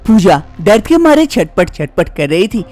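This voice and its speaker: Expressive woman story narrator. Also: mid-range voice, moderate pace.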